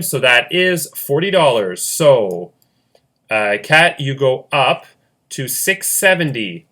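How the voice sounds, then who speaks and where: A man narrates a board-game round play by play in a chatty, joking way. His pitch jumps around a lot as he talks, and his voice has a bright, forceful edge. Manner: chatty, jokey asides, laughs often. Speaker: host running a fan game.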